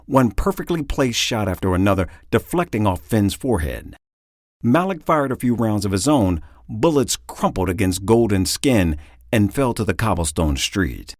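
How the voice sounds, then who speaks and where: A man reading an audiobook in dramatic, expressive storytelling, close to the mic. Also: on the low side, no echo. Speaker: audiobook narrator. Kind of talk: scripted audiobook narration.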